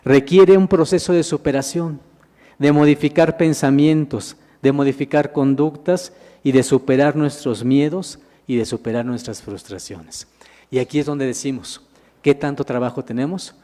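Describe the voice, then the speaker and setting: A minister with a mellow, mid-range voice preaches a sermon in a large hall with long reverb, speaking at a moderate pace in a steady tone. He teaches a Bible lesson with slides, putting questions to the congregation, addressing them as "hermanos," and answering himself.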